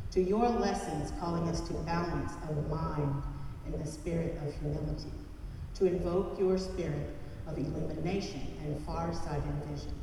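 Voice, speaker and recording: A woman leads a church prayer in a solemn, chant-like cadence, her voice low and warm. Her words swell into a vast cathedral echo that rings on long after each phrase. She is heard from a distance, with faint room noise underneath. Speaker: prayer leader at a church service. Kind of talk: recited liturgical prayer. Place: large church. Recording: cavernous church reverb from a distant mic.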